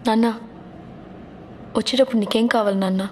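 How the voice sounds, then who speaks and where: A woman's voice: a little high, fairly even intonation, brisk, slight background noise, close to an everyday voice. An actress playing an earnest young woman cricketer who talks to her father with affection and tears. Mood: affectionate. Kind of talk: dubbed film dialogue. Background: music.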